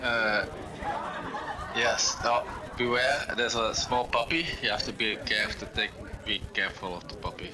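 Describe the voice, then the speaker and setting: A man talking casually and haltingly as a player in a tabletop role-playing game. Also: fairly low pitch, fairly even intonation, a crowd in the background, background noise. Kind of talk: casual in-character game chat. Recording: people chattering in background.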